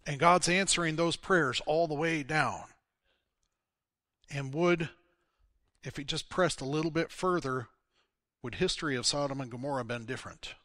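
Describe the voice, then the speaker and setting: Man from Missouri, pastor, storytelling sermon; bright, slightly high voice, dry close sound. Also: normal speed, pauses often, no echo. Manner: storytelling, acting out biblical dialogue.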